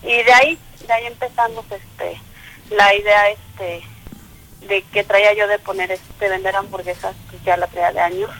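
She's a middle-aged Mexico City business owner guesting on a casual phone interview, telling her story in a Mexican Spanish accent with frequent fillers and laughter. Medium-pitched and fairly bright, she speaks steadily at a moderate pace. The telephone recording is rough.

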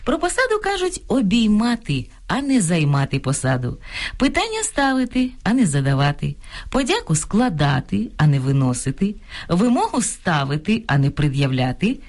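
A woman presenting a language program on radio, reading a script clearly and instructively, listing correct and incorrect phrases. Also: medium pitch, wildly swooping pitch, normal speed. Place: radio studio.

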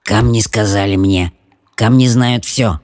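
A man voicing a strange, secretive little cave creature who speaks softly, almost in a whisper, in an audiobook reading. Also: fairly low pitch, measured pace, no echo, clean studio sound, natural voice. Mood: hushed, mysterious. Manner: soft near-whisper.

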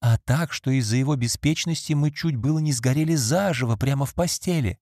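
A man's voice: mid-range voice, fairly quick, darkish tone, no echo, clean studio sound, voice pushed up, close to an everyday voice. A man reading an audiobook and voicing a timid former maid, now an innkeeper's wife, who whimpers and pleads in a raised, woman-like voice. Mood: pleading.

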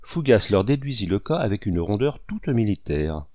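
A man narrates a classic novel with steady, expressive storytelling. His voice is on the low side. The sound is close and dry, with no room echo. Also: moderate pace. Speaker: audiobook narrator. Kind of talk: literary audiobook narration.

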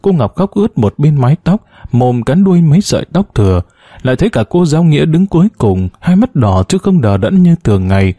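A man's voice: a little high, very animated, dark tone, no echo, studio quality. Man narrating a somber novel. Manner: somber, measured storytelling. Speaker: audiobook narrator.

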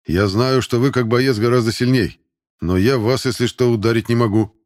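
A man voicing a burly young male cadet who talks loudly but respectfully and hesitantly, in an audiobook. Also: mid-range voice, moderate pace, dry recording, studio quality, natural voice. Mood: wary.

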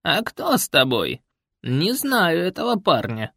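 A man voicing a grumpy, shrewd old village man with a creaky, gruff voice in an audiobook. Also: a little high, huge pitch swings, measured pace, a bit bright, dry recording, studio quality, pitched above the performer's own voice, heavily acted. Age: older. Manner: folksy, blunt storytelling. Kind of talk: audiobook character voice.

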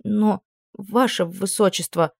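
A woman voicing a gentle, anxious young prince who speaks softly and quietly. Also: medium pitch, takes it slowly, gravelly, husky, dry recording, clean studio sound, full character voice. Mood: alarmed.

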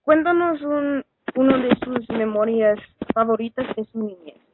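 A woman conducting a friendly class interview, asking questions in a halting way. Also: fairly high pitch. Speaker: student interviewer. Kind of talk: casual phone interview. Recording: tinny phone line with faint noise.

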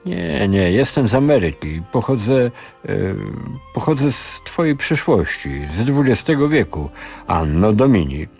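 A man's voice: medium pitch, big pitch swings, unhurried, creaky, darkish tone, soft background music, pitched above the performer's own voice. A man voicing a modest American professor lost in the past, speaking in a flustered, hesitant way.

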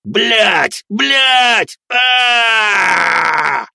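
A man's voice: mid-range voice, sing-song, moderate pace, dry recording, clean studio sound. A man doing a coarse, swaggering bald thug. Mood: screaming in pain. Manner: coarse, swaggering street talk. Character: bald, brutish male gang leader, cocky then howling.

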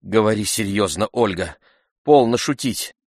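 A man reading an audiobook, voicing a nervous, impatient gentleman who frets in hushed asides. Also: fairly low pitch, animated, moderate pace, breathy edge, no room sound, clean studio sound. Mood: pleading. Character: anxious fretful gentleman.

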